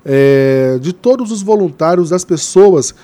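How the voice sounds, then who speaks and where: Earnest, mellow-voiced man, fillers and passion. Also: a little high, animated, unhurried. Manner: earnest, hesitant with frequent fillers, grows impassioned. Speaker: interview guest, Green Party member organizing a river cleanup. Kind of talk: radio interview answers.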